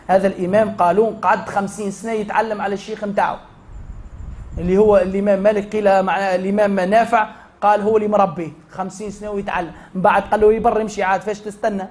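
A man's voice: sits high, darkish tone. A man with a Tunisian Arabic accent teaching a Quran recitation class, asking the students questions and answering them himself. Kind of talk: classroom lesson.

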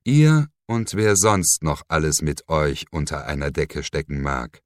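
A man's voice: rumbling low, measured pace, no echo, studio quality. A man voicing a frightened but defiant young woman held captive, in an audiobook reading. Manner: breathless, pleading, then defiant.

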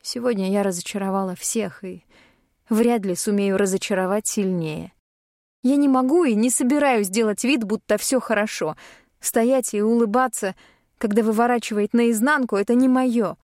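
A young woman reads a first-person audiobook with a dark, mellow tone. Her delivery is emotional and tearful, recorded dry and close to the mic. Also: mid-range voice, moderate pace, no echo. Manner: tearful, emotionally charged reading. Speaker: audiobook narrator.

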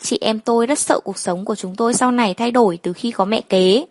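A woman narrating a first-person story in a plain, steady way. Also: on the high side, brisk, no echo.

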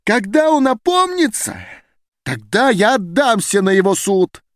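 A man's voice: high voice, big pitch swings, measured pace, no room sound, studio quality, pitched above the performer's own voice. A man reading an audiobook, voicing a heated, defiant male scientist who argues in declamatory outbursts. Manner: heated, declamatory, rising to shouts. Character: agitated male geneticist defying a meeting. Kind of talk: audiobook character voice.

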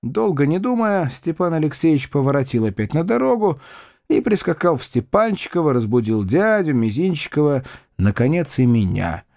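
A man narrating classic fiction in an expressive literary reading. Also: on the high side, normal speed, creaky, dry recording, clean studio sound. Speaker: audiobook reader.

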